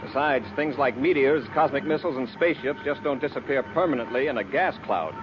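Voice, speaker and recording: Brisk, commanding space commander played by an actor. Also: male voice, medium pitch, lightly acted. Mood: urgent. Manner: clipped, authoritative. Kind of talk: 1950s radio serial acting. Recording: noisy, dull 1950s radio recording.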